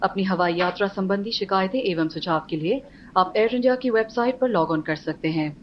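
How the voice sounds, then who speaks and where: A woman with an Indian accent making a formal cabin crew announcement over an aircraft public-address loudspeaker. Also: mid-range voice, rapid-fire. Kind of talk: scripted in-flight announcement. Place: aircraft cabin in a flight simulator. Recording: muffled distant PA with faint noise.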